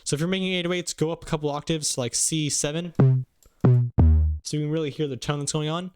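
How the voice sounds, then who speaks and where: Fast-talking young man over loud beats. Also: on the high side, steady tone. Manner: upbeat, quick, hums drum patterns aloud. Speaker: beat-making tutorial host. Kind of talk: casual beat-making tutorial. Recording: loud music playing under the voice. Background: beats playing from the production software.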